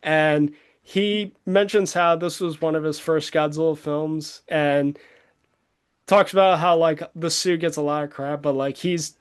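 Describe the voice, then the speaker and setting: A man's voice: on the high side, fairly even intonation, measured pace, smooth. A man chatting casually as co-host, rambling with many fillers and frequent laughs. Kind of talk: casual chat.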